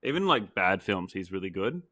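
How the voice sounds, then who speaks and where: Low, bright-toned man, laid-back guest. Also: very animated, a little fast, no echo, clean studio sound. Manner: laid-back, hesitant, trails off. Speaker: podcast guest. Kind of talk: casual chat.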